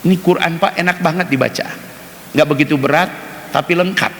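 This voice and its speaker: A man's voice: on the high side, a little fast, a bit bright. A man preaching a sermon in a mosque, chatty and direct, often turning to speak to the men listening. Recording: reverberant mosque hall, faint hiss.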